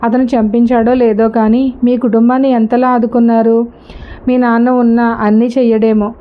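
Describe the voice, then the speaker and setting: A woman's voice: fairly high pitch, little pitch movement, normal speed, natural voice. A woman voicing a practical, dismissive young husband who talks down in an argument, in a slightly dull lo-fi recording. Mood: arguing.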